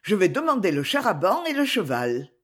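Woman voicing a resolute spinster, husky, lively pitch, storybook reading. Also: moderate pace.

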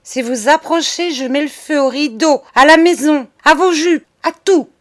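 A woman plays a hot-headed poor boy from a storybook, bold and insolent. He talks back with a raised, quick voice, daring and stubborn. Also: mid-range voice, lightly acted. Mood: defiant. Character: defiant, cheeky poor young boy.

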